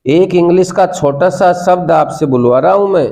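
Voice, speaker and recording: In a spoken English class, a man with an Indian accent coaxes his students and repeats prompts for them to say back. His voice is high and warm, at a normal speed.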